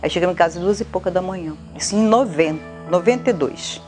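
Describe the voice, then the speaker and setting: Brief: Brazilian woman, documentary interviewee, calm personal account, soft music bed. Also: on the low side, fast. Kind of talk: personal testimony.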